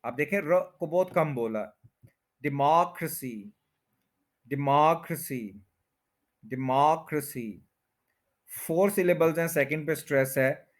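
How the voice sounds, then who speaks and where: Speaking a little high, a native Urdu or Hindi speaker teaches English word stress at an unhurried pace. He says every word more than once, stretching the syllables as he explains.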